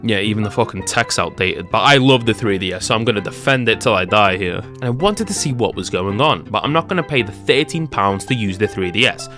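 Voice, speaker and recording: A man's voice: on the low side, animated, fairly quick, few pauses, bright, forceful tone, faint music behind. A young man narrating a scripted tech-comedy video with jokey, sarcastic asides. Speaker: YouTube creator.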